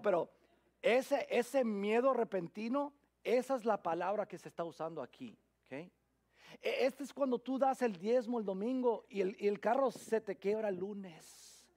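A man with a high voice delivers a sermon as a middle-aged pastor. He drops from forceful emphasis to hushed, almost whispered lines, and often restarts and repeats his words. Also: vocal fry. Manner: dramatic swings from loud emphasis to hushed near-whisper.

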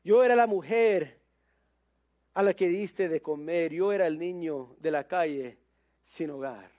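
A man voicing a solemn divine inner voice in a spoken story, speaking in a measured, hushed way. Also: on the high side, muffled recording, lightly acted.

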